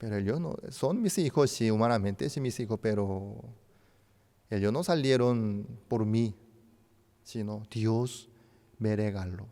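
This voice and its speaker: A male pastor whose first language is Korean, preaching slowly in a smooth, resonant voice. He builds to loud emphatic peaks, then drops to near-whispers. The sound carries the long reverb of a church hall. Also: fairly low pitch. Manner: slow, emphatic preaching with sudden loud rises and soft hushed drops. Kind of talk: sermon. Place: church sanctuary.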